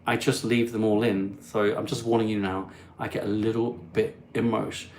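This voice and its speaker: A man's voice: lowish voice, flat delivery, normal speed, reverberant, a little hiss or hum. Chatty man hosting a live stream. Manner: chatty, warm and self-deprecating, easily touched. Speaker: host. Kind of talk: live stream chat reading comments. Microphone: phone.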